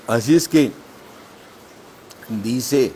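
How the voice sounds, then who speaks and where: A man's voice: medium pitch, darkish tone, a little hiss or hum. A man preaching a sermon as pastor, emphatic and often asking "¿sí?" of the congregation. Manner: slow, emphatic preaching with frequent "¿sí?" checks.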